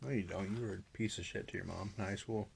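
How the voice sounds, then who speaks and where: A man's voice: low voice, steady tone, quick pace, vocal fry. Drunk young man, casual podcast chat, teasing, swears a lot, faint hiss. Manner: teasing, profane, laughing often. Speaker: podcast co-host.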